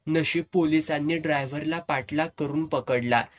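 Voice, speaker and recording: Guy reading a novel out loud in the first person, slightly high voice. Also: fairly even intonation, normal speed. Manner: first-person storytelling in rural dialect. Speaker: storyteller. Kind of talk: reading a serialized novel aloud.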